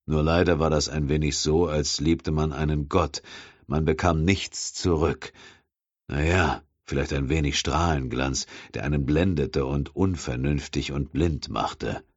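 A man voicing a calm, coldly polite male villain in an audiobook, speaking slowly and measured. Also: extremely low pitch, no room sound, highs cut off, exaggerated voice. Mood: coolly menacing.

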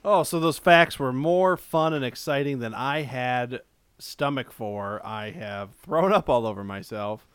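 A man with vocal fry at the ends of his words, joking wryly as co-host of a casual movie podcast. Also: medium pitch, a little slow, a bit bright, no echo.

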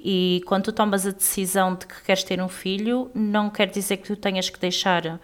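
A woman's voice: mid-range voice, steady tone, normal speed, smooth. Portuguese woman in her thirties, chatting casually. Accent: European Portuguese. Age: 30s. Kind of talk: casual chat between friends.

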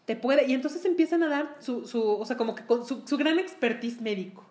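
A woman co-hosting a casual group conversation, laughing often and talking in an animated way. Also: sits high, brisk.

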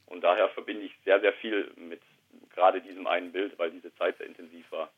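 A man in his thirties, a podcast guest, speaking quietly and reflectively, with hesitant pauses, about his own life. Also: low voice, flat delivery, breathy edge. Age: 30s. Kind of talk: candid personal conversation. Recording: tinny phone-line sound.

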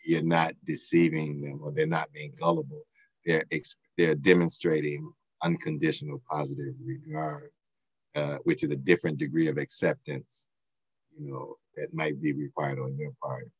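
An older man talking slowly with many fillers, heard over a glitchy video call as an interview guest. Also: a bass voice, slightly rough, dry recording, low-quality recording. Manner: slow and halting, with many fillers. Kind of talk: reflective interview talk.

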